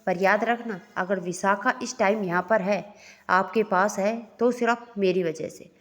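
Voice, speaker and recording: A woman's voice: mid-range voice, steady tone, a little slow, in a large hall, lightly acted. A woman reading as a playful young grandson. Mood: mock-complaining. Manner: playfully complaining.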